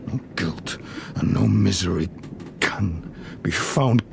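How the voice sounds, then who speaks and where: An actor playing a grieving, lonely monster in a gothic audio drama, eloquent, bitter and anguished. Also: male voice, deep voice, slow, exaggerated voice. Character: grieving, bitter, lonely male monster, creature made by man. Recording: clear background ambience noise.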